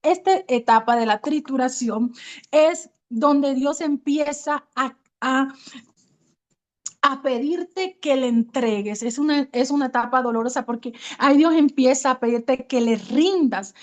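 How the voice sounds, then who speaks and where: A woman from Colombia with a Colombian accent gives an earnest testimonial sermon and speaks straight to her listeners as sisters. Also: high-pitched. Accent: Colombian Spanish. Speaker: women's ministry speaker.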